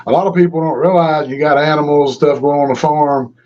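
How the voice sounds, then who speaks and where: Male host, relaxed folksy chat. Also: a little high, brisk, highs cut off. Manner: folksy, relaxed, laughs along. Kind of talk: casual chat.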